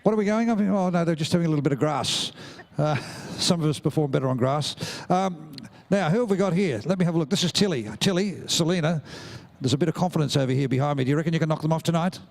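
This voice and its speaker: A man's voice: fairly high pitch, quick pace, vocal fry. A middle-aged Australian man announcing a live showground race, jovial and teasing, rousing the crowd through a handheld mic outdoors. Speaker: ringside announcer. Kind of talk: live event commentary.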